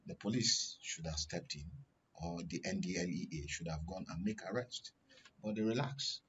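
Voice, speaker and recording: In a radio and TV studio, a Nigerian-accented guest explains current events by raising questions and then answering them. He speaks at a moderate pace in a low, slightly bright voice. There's a little hiss or hum on the dull, lo-fi broadcast.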